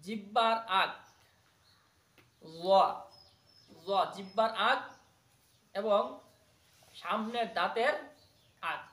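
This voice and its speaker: Patient recitation teacher, bright voice, repeats each sound, echoey room, faint background noise. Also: medium pitch, steady tone, very slow, long pauses. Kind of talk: pronunciation lesson for a child.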